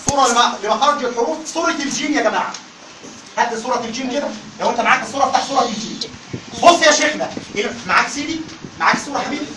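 A man with an Egyptian Arabic accent teaching Quran recitation in a classroom lecture, animated and calling on the class to answer. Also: very high voice, echoey room, distant mic, a little hiss or hum, rough recording.

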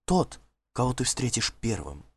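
A man reading an audiobook voices a dazed woman seer who has just come out of a trance, speaking slowly and haltingly in a breathy, distant way. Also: medium pitch, very animated, no room sound, full character voice. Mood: eerie, dazed. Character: trance-dazed seeress woman, eerie, cryptic.

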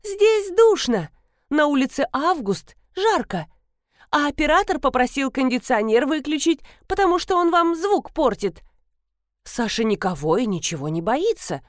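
A woman voicing an excitable female blogger who boasts about her husband in a loud, gushing way. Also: high voice, a little slow, no room sound, studio quality, voice pushed up. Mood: boastful. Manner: loud, gushing, fanciful storyteller.

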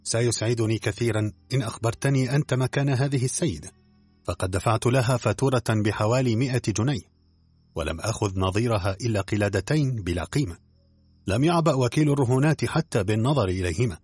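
A man reading a husky, fast-talking fawning swindler. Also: mid-range voice, darkish tone, dry recording, soft background music, close to an everyday voice. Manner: fawning, cool and evasive. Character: smooth-talking burly bald male swindler. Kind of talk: audiobook character reading.

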